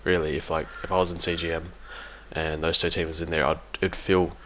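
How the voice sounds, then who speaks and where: The speaker, a competitive gaming team member, delivers a casual, off-the-cuff audio log a little fast, voicing his opinions. His low, fairly flat voice has a bright, forward edge. He sounds informal and unsure, revising his phrasing, with some background noise behind him.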